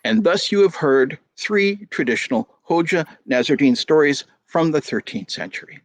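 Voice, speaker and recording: A man tells stories with a high, bright pitch and big theatrical swings of expression. The sound is dry and close, with no room around it. He comes through a video call. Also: lively intonation, moderate pace, no room sound. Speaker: storyteller. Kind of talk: storytelling performance.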